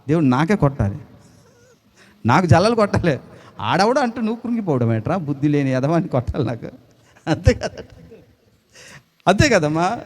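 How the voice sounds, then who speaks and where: A man in his forties preaching a sermon in church, with a Telugu accent, moving between loud proclaiming and low, intimate tones. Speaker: pastor.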